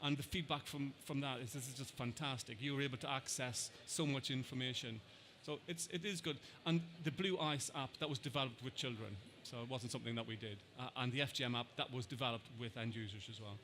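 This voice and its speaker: Irish man, conference speaker, bright and forward voice, stop-start delivery with repeated words. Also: medium pitch, quick pace, a little hiss or hum. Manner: hesitant, repeats words, quotes people. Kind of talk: answering audience questions.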